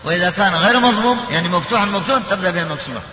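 A high-pitched man gives a tajwid lesson, explaining each rule through examples and slowly chanting verses. The sound is lo-fi and dull. A long reverb trails his words through a large hall. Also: lively intonation, slight background noise. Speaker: tajwid teacher. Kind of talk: Quran recitation lesson.

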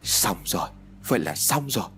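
A man voicing a ruthless male sorcerer who speaks low and grave, with muttering menace. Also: sing-song, fast talker, soft background music. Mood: grim.

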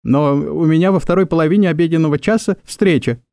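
A man voicing a timid, nervous young female secretary who speaks in a small, squeaky way. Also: quick pace, creaky, warm tone, no echo, clean studio sound.

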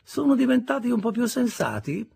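Rich: A sour, prim spinster speaks in a high, tart, sighing voice, as a male reader puts her on. She sounds gossipy and disapproving, with a husky edge, in a read-aloud novel. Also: very animated, brisk, darkish tone, exaggerated voice.

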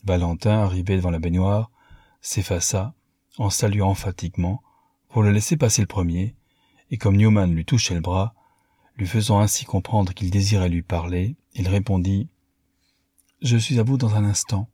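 A man narrates a classic novel in a measured, literary way. His voice is very low and husky, with a dark, mellow tone. The recording is dry and close. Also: steady tone, dry recording.

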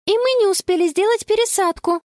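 A woman voicing an excitable young girl in a storybook reading, with a high, breathless girlish voice. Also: brisk, no echo, clean studio sound. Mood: worried.

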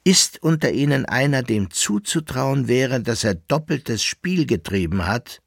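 A man's voice: mid-range voice, lively intonation, unhurried, creaky, husky, no room sound, studio quality, pitched above the performer's own voice, exaggerated voice. A man voicing an anxious, gout-ridden older patron who speaks urgently and secretively. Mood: uneasy.

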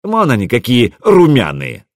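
A man's voice: mid-range voice, wildly swooping pitch, unhurried, dry recording, studio quality. A man voicing a coarse, jovial Norse warrior in an audiobook, crude and mocking. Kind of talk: audiobook character reading.

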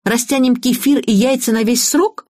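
A woman's voice: fairly high pitch, moderate pace, darkish tone, voice pushed up, close to an everyday voice. A woman voicing a headstrong, cynical young woman who speaks bluntly and scornfully.

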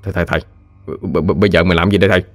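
A man's voice: deep voice, fairly even intonation, very fast, no echo, natural voice. Jittery stammering sidekick, a male storyteller putting him on, dry recording with music. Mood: nervous. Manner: stuttering, nervous. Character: timid stammering young male assistant.

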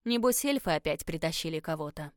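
A woman's voice: low voice, lively intonation, fairly quick, no room sound, studio quality. Captain Эль, read by a woman, a flirtatious seafarer. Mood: teasing. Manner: teasing, assured. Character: flirtatious confident male ship captain. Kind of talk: audiobook character reading.

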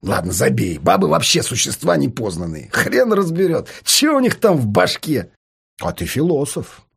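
A man voicing an easygoing male friend who talks in a low, laid-back, folksy way, with a husky voice. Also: huge pitch swings, moderate pace, heavily acted. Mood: consoling. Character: easygoing adult male friend, plain-spoken.

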